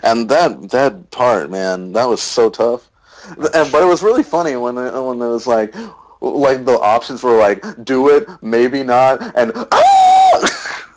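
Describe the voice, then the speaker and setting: A man's voice: mid-range voice, lively intonation, moderate pace, rough recording. A man co-hosting a casual podcast, laid-back and swearing freely as he talks about a game. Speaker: podcast co-host.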